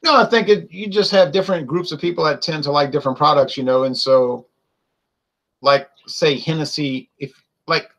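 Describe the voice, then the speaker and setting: A man's voice: a little high, moderate pace, fairly bright tone, rough recording. A man co-hosting a casual wine chat, rambling and opinionated, with lots of fillers and restarts. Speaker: wine show co-host.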